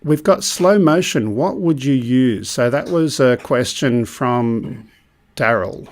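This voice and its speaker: A man's voice: medium pitch, slow. Easygoing male live-stream host. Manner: relaxed, rambling with many ums. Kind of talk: casual live chat.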